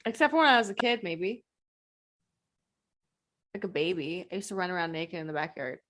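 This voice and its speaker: A woman's voice: lowish voice, animated, fairly quick, a bit bright. A woman co-hosting a podcast, dry and teasing in casual chat.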